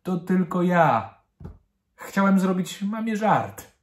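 Brief: man plays a cheerful prankster dad, lively pitch, easy pace. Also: slow, reverberant, heavily acted. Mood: merry. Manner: merry, warm. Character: jolly joking father.

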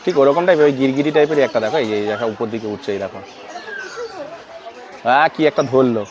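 Fast-talking man guiding a zoo walk. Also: mid-range voice. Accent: Bengali. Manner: points things out constantly, repeats "look here". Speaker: vlogger touring a zoo. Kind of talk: casual walking-tour commentary. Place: outdoors at a busy zoo. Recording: crowd noise outdoors. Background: crowd and animal sounds.

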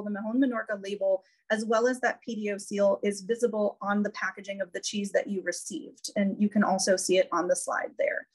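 A woman's voice: medium pitch, slightly rough, poor audio. A woman giving an informal, educational slide presentation over a video call. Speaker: cheese educator presenting a webinar. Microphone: video call microphone.

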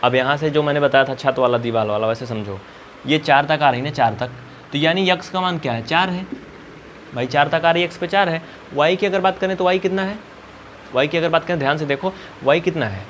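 A man's voice: fairly high pitch, brisk, fairly bright tone, a little hiss or hum. A male math teacher from India explaining coordinates at a whiteboard in a colloquial, coaxing way, asking questions and answering them himself.

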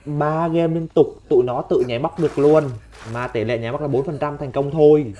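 A man commentating his own gameplay, excitable and talking back at the other players. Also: fairly high pitch, fairly quick. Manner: excitable, talks and swears at on-screen opponents. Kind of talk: let's play commentary. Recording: game music playing under the voice. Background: game music and sound effects.

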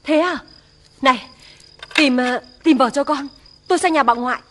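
An actress playing the desperate wife of a gambler who laments loudly over her husband and son, in an old film. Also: high voice, moderate pace, a little hiss or hum, natural voice. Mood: worried. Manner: wailing, lamenting. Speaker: wife and mother.

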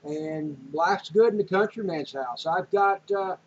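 This older man has a high voice and speaks a little slowly, rambling homespun-style about groceries and canning with many fillers. A bit of hiss or hum comes through the dull, lo-fi audio, recorded indoors in a small home room on a webcam or handheld camera.

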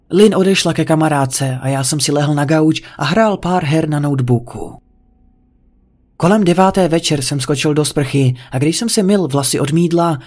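Male narrator, higher register, reading horror fiction aloud. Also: a little mellow. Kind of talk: creepypasta narration.

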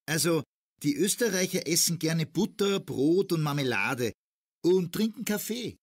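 A man acting a cheerful, fit man giving health tips in a scripted language-lesson dialogue, phrasing slowly and clearly. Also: on the high side, expressive, dry recording, studio quality. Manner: slow, clearly spaced phrasing.

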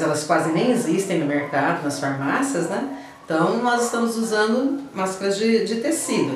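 A Brazilian woman teacher leads a recorded class, patient and methodical, checking in with her students after almost every point. Her voice sits back from the mic in a strongly echoing room. A faint hiss of background noise runs underneath. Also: lowish voice. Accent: Brazilian Portuguese. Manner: patient, explains step by step with frequent tag questions. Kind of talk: remote class lesson. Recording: echoey room, voice from far off the mic.

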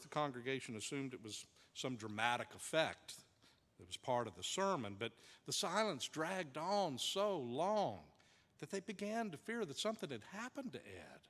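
A male pastor telling a story in a sermon, dramatic, with hushed drops and shifting pace. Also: mid-range voice, in a large hall. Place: church sanctuary.

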